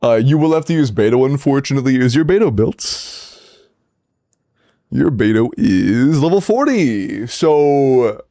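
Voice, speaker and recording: Lively, bantering young man streamer. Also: medium pitch, unhurried. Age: 20s. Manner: playful, bantering with chat; laughs often. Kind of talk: casual livestream chat reviewing game accounts.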